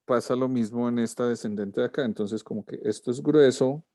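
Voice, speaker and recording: Guy teaching lettering online, mellow low-key voice, goes through corrections one by one. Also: fairly quick, no room sound, clean studio sound. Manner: talks through corrections step by step, informal. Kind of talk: class critique of student work.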